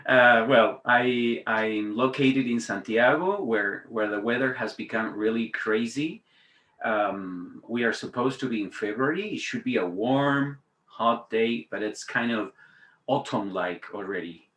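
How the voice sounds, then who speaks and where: Guest-speaking on a webinar, an Argentine teacher trainer from Patagonia, in his fifties with Spanish as his native language, talks informally and hesitantly, drifting into conversational asides. His voice is medium in pitch, a bit bright, and a little slow. He's indoors on a video call with roomy, echoey audio.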